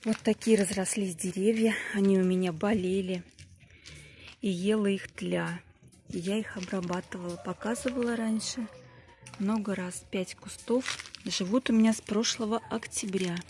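A woman casually narrating her garden vlog in short, halting phrases as she points things out, recorded outdoors on a handheld device. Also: mid-range voice, fairly even intonation, a little mellow. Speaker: home gardener showing plants. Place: outdoor garden beside a wall. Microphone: handheld phone or camera close to plants. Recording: clear handling rustle and outdoor background noise.

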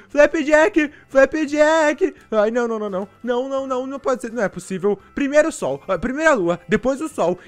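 An excitable Brazilian man narrates his gameplay to viewers with a very high-pitched voice. He sighs and frets often as he plays along. Faint music sits under his voice. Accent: Brazilian Portuguese. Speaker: gaming YouTuber. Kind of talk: playful gameplay commentary with role-play.

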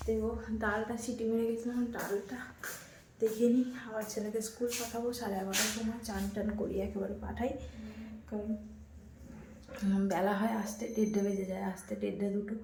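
A woman talking softly through a casual daily home vlog, tired after a workout. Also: medium pitch, level tone, a little fast. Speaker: vlogger. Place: home kitchen. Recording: echoey room with loud household noise.

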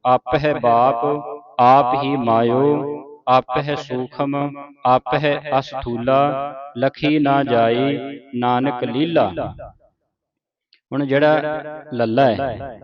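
A man leads a recitation lesson. He explains pronunciation quickly, then recites each verse slowly and carefully. The audio is dull and lo-fi, and people murmur in the background. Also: mid-range voice, steady tone, a crowd in the background. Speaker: scripture recitation teacher. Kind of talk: teaching correct recitation, line by line.

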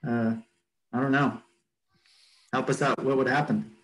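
A man's voice: medium pitch, steady tone, a little slow, fairly bright tone, low-quality recording. Hesitant man moderating a virtual session. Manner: casual, hesitant, repeats words. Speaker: conference moderator. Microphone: video call microphone.

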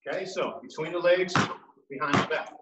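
A man's voice: a little high, brisk. A man coaching basketball dribbling drills, counting out reps and calling cues with encouragement. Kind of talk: home workout drill instruction. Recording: echoey room, mic far off, loud noise.

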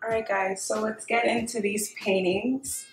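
A woman's voice: on the high side, a little slow. A young woman gives a gushing, casual makeover reveal to camera. She talks like a home decor vlogger, enthusiastic and informal. The room adds audible echo, and faint music plays behind her. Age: young adult. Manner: gushing, enthusiastic about finds. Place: small dining room at home, indoors.

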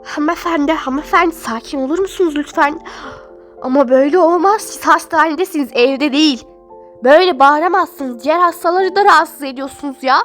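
A woman voicing a calm, polite hospital nurse who soothes a patient, hesitating with fillers. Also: high voice, fairly quick, faint music behind.

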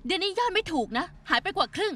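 A sharp, sarcastic young shopkeeper. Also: female voice, extremely high pitch, animated, rapid-fire, heavily acted. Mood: demanding. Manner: demanding, sarcastic. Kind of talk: Thai drama dubbing.

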